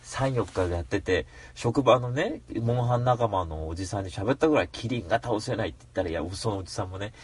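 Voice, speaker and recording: A man telling a story in a casual solo monologue, animated and given to mock rants. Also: on the low side, fast talker, few pauses, slight background noise.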